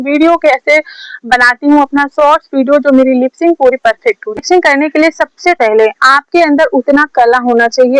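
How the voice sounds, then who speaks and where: A high-voiced woman from India gives a casual home tutorial, filmed on a phone on a stand. She talks in a chatty, repetitive way, hammering each step home. The sound is dry and close, with no room echo. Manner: chatty, repetitive, drills points over and over. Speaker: short-video creator teaching lip sync. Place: home, recording herself.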